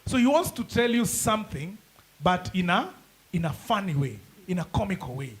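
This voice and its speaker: A man's voice: high-pitched, sing-song, normal speed. A Kenyan man speaking as a forum panelist in a casual, joking way, switching between English and Swahili slang.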